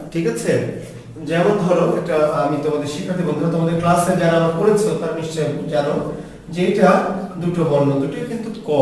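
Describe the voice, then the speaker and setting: A man's voice: sits high, a little mellow. A male teacher giving a pronunciation lesson. He asks questions and answers them himself, and keeps checking with the class. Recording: echoey room heard from a distance, faint background noise.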